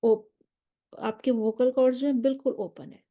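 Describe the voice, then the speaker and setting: A woman's voice: high voice, steady tone, moderate pace, dull audio. A woman teaching Quran recitation in an online lesson, explaining patiently step by step over a diagram and mixing in English terms.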